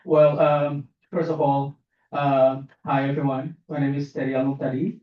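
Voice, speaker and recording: A man from Aceh in Indonesia gives halting, earnest personal testimony on a panel as an asylum seeker. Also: medium pitch, level tone. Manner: earnest, halting, with many fillers and restarts. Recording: echoey, distant, dull sound.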